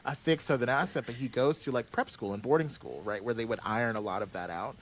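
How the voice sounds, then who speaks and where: A man in a casual podcast chat about the audio drama he writes and acts in. He rambles through fillers and restarts, his pitch sitting in an ordinary middle range, and he laughs easily between thoughts. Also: fast, a little hiss or hum.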